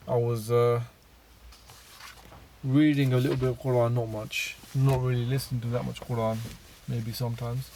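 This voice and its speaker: A man's voice: mid-range voice, a little mellow, slight background noise. A man telling his personal story in a casual monologue, rambling with many fillers and restarts.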